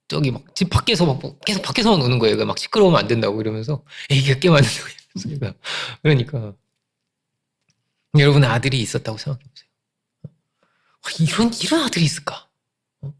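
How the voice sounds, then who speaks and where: Gravelly, husky male pastor preaching. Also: mid-range voice, animated, quick pace. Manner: emphatic, repeats phrases, rhetorical questions. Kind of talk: sermon.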